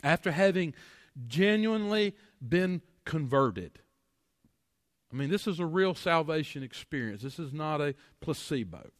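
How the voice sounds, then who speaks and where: A man's voice: a little high, expressive, unhurried, no echo, clean studio sound, big-room sound. A man preaching a sermon to his congregation, folksy, full of rhetorical questions and repeated words. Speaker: pastor. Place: church sanctuary.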